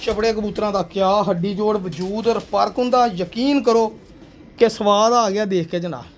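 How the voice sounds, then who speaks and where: A man with a fairly high voice shows off his pigeons in a casual, persuasive pitch. He keeps calling the viewer sir and brother. Faint pigeon cooing runs behind him. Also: moderate pace, a little hiss or hum. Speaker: pigeon seller showing birds.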